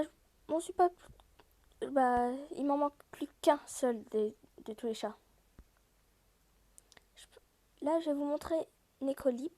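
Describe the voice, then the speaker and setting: A woman's voice: high voice, mellow. A woman giving a casual gameplay walkthrough, explaining each step directly to her viewers. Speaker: gaming video host.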